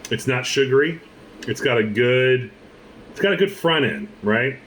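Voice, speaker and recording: A man's voice: mid-range voice, lively intonation, a bit bright, poor audio. Easygoing man with a faint noise bed. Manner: easygoing, halting, repeats himself. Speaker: whiskey reviewer. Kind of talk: casual tasting chat.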